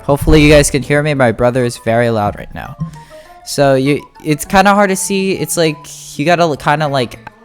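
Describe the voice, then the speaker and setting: Over background music, a host of a game guide gives casual gameplay tutorial commentary. The voice sits at a medium pitch, and the talk is loose and stop-start, like thoughts spoken mid-game.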